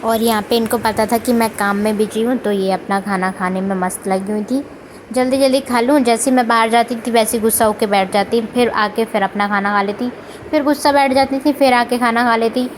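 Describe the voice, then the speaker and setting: High-voiced chatty woman vlogger. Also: steady tone, a little fast, slight background noise, poor audio. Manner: chatty, sprinkles English words into her talk. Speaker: salon owner and vlogger. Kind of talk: casual vlog narration. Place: small beauty salon shop by a street.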